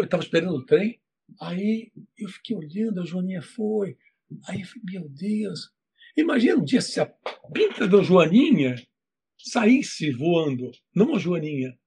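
A man who writes children's books, talking in an interview and telling stories in a lively way, acting out the voices in his anecdotes. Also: sits high, husky. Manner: animated storytelling, acts out voices. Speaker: children's book author. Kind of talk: interview talk.

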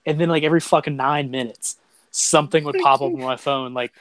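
A man's voice: mid-range voice, fairly even intonation, brisk, crowd noise. A man hosting a sports podcast in casual banter, blunt and freely profane. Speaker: podcast host. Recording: clear background noise.

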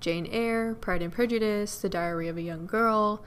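A young adult woman co-hosting a podcast, relaxed and quick to laugh. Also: medium pitch, clean tone. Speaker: podcast co-host. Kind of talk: casual chat.

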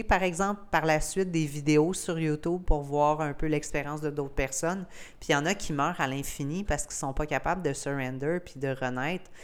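A woman's voice: sits low, clear, resonant tone. A young woman from Gaspésie with a Québécois accent, hosting a podcast and telling a personal story in a candid, emotional way, with English words mixed into her French. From Gaspésie, Quebec, Canada. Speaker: podcast host.

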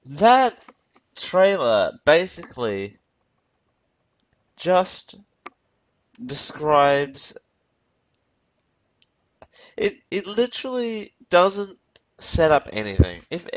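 A man's voice: on the high side, big pitch swings, very slow, pauses often, highs cut off. A man hosting a casual film review, rambling and correcting himself as he talks to his audience. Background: faint background music.

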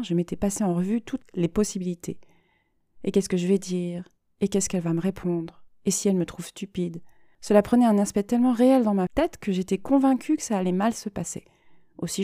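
A woman's voice: mid-range voice, fairly quick, mellow, no room sound, clean studio sound, natural voice. A woman reading as an anxious, self-mocking young woman. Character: anxious young woman talking to her therapist. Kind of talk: dramatic reading.

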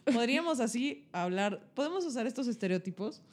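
A woman's voice: a little high, lively intonation, brisk, a little mellow. A woman from Sonora with a Sonoran Mexican accent, chatting as a podcast guest and acting out silly voices and scenes. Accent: Sonoran Mexican Spanish. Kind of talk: casual podcast chat. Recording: noise in the background.

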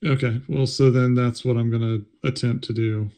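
Male player, tabletop game, tentative and thinking aloud, gravelly. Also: medium pitch, little pitch movement, moderate pace, mellow. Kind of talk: casual tabletop game play.

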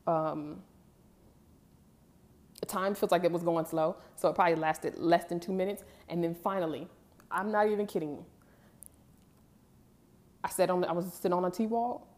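A woman in her thirties with a fairly low voice tells a personal story to the camera. She rambles and restarts her sentences, talking casually like she is chatting with a friend. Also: steady tone, moderate pace, long pauses, darkish tone. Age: 30s. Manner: rambling, restarts often, sighs and laughs. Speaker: vlogger.

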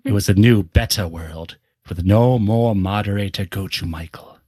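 A man voicing a drowsy dreamer just waking from a dream, murmuring low and hushed in a dreamy way. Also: normal speed, slightly rough, dry recording, clean studio sound. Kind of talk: comedic podcast bit.

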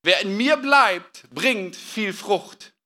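A man delivering a sermon, his voice pitched high and ringing very bright. He shifts from quiet, reflective passages into loud, dramatic outbursts as he acts out the quotes he cites. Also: lively intonation, very slow. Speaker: pastor.

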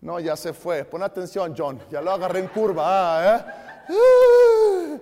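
High-voiced Mexican pastor preaching fervently. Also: male voice, sing-song, slow, a little hiss or hum. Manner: fervent, shifts from soft asides to shouted emphasis, jokes with the congregation. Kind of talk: sermon. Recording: long hall reverb.

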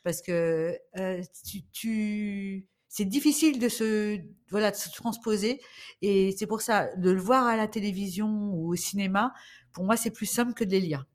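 Une femme d'âge mûr, invitée d'un podcast, parle de livres de façon décousue, avec beaucoup d'hésitations. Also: female voice, medium pitch, normal speed. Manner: rambling, hesitant, full of fillers. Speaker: guest, the host's mother. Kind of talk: casual podcast chat about books.

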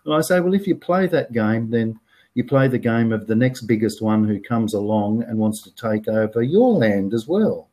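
Warm and animated, his lowish voice moves at normal speed. He's a man in his sixties with an Australian accent, frankly chatting as an interview guest in a casual conversation and repeating words as he works through his thoughts.

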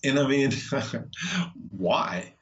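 A man's voice: medium pitch, very animated, drawn-out words, fairly bright tone, muffled recording. Laid-back sarcastic Texan man. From Texas. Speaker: guest. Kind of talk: casual storytelling chat.

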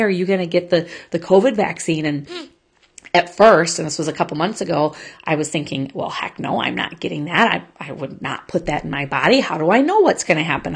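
A middle-aged woman hosts a casual, reflective monologue, thinking aloud as she goes. Her voice sits slightly low for a woman. She rambles and corrects herself often in a relaxed, conversational way.

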